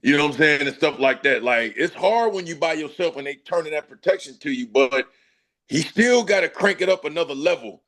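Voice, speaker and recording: A man's voice: on the high side, expressive, fairly quick, fairly bright tone. A man guesting on a sports talk show, a former football player speaking in emphatic, slangy casual chat with laughing asides.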